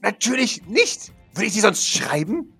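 A man's voice: high-pitched, big pitch swings, a little slow, vocal fry, sharp tone, breathy edge, faint music behind, voice pushed up, full character voice. A man voicing a furious, panicked caller who hides while he talks on the phone and snarls insults. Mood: snarling, panicked.

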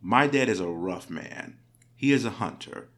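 Male narrator, lower pitch, calm measured read of online anecdotes. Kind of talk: reading internet stories aloud.

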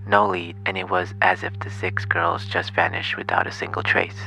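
A man narrating a scripted true crime show in a suspenseful, grave and measured storytelling manner. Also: low voice, gravelly, sharp tone, slight background noise, rough recording. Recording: music behind the voice.

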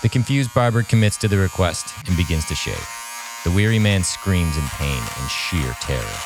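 A man's voice: low-pitched, lively intonation, moderate pace, over music. A man narrating a scripted story aloud as a podcast host.

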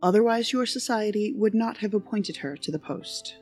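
A man voicing a graceful, composed woman who is a dorm mistress, speaking gently and reassuringly. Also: high-pitched, moderate pace, breathy edge, soft background music, voice pushed up.

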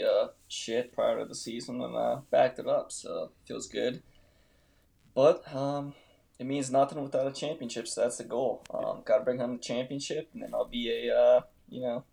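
A man with a mellow, creaky voice answers questions in casual chat. He comes across as cocky, with a tongue-in-cheek swagger. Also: medium pitch. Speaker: guest league member being interviewed.

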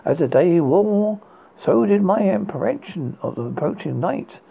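A horror host reading dark gothic tales in a raspy, gravelly voice, dramatically but haltingly, with stumbles and repeated words. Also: mid-range voice, expressive, poor audio.

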